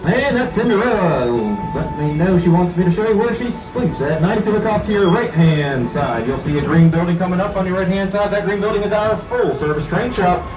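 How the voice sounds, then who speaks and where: Folksy conductor over an outdoor loudspeaker. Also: male voice, high voice, lively intonation, fairly quick, few pauses. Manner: folksy, upbeat, addressing riders as folks. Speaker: train conductor. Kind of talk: tour announcements to passengers. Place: outdoors on a moving train. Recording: echoey loudspeaker heard from far off, music behind.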